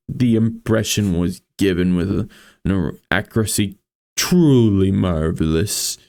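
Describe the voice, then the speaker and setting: Man, slow delivery, gravelly creak, reading horror fiction aloud, casual sweary asides, dry close sound. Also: fairly low pitch, mellow, no echo. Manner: casual, foul-mouthed asides. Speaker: streamer reading a story aloud.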